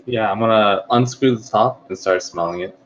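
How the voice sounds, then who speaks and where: A man's voice: lowish voice, moderate pace, fairly bright tone, dull audio. A man playing a tabletop game, describing his character's actions in a matter-of-fact way. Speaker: player. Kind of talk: tabletop game play over voice chat.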